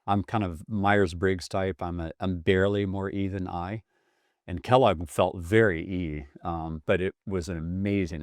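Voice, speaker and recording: A man's voice: sits low, darkish tone, no room sound, studio quality. A man in his fifties, hosting a casual podcast interview in an enthusiastic, effusive way. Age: 50s. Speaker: podcast host.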